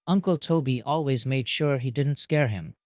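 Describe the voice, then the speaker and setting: A man narrates a story in an even, calm manner at a medium pitch. The recording is dry and close, with no room sound. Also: moderate pace, no room sound. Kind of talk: scripted narration of fan fiction.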